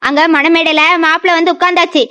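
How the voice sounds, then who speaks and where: A woman's voice: very high voice, fairly even intonation, quick pace, sharp tone, highs cut off. A woman voicing a cruel, scheming stepmother in a cartoon drama, bossy and threatening. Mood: scornful.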